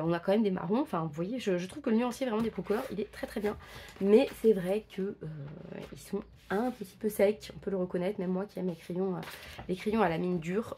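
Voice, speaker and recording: A woman talks casually as she colors, testing pencils and thinking aloud. Her voice is husky and slightly breathy, with a gravelly fry, and her speech is full of fillers and self-corrections. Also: mid-range voice, darkish tone. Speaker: coloring book vlogger. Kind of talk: casual chat while coloring.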